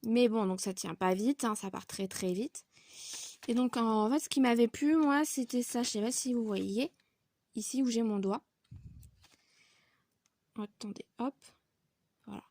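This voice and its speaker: A woman with a slightly raised pitch talks through a casual haul video. She presents her new coloring supplies one by one. Her speech is loose and chatty, padded with small connecting words between points. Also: a little mellow. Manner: chatty, fills pauses with donc and voilà. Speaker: vlogger showing coloring supply purchases.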